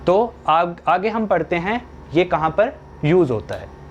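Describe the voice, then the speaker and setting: Slow-talking man teaching a grammar lesson. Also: high-pitched, big pitch swings, heavy background noise. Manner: asks questions and answers them himself. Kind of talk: slow classroom-style lesson.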